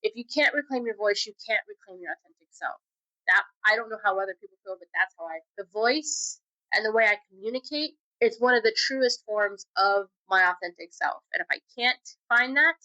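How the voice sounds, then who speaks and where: A woman's voice: fairly high pitch, bright, forceful tone, dry recording, rough recording. A woman life coach talking on her own in a spiritual podcast, earnest and self-reflective as she speaks openly about herself. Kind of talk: solo spiritual podcast talk.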